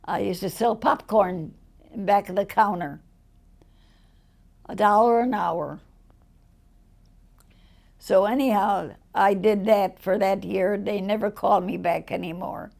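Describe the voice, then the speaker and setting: A very old woman, over a hundred, telling stories from her life in a rambling, colloquial way with a gravelly old voice. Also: medium pitch, takes it slowly, pauses often, darkish tone. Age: over 100, very old. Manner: rambling storyteller, acting out quoted dialogue in plain colloquial words. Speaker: interviewee. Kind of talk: casual autobiographical storytelling.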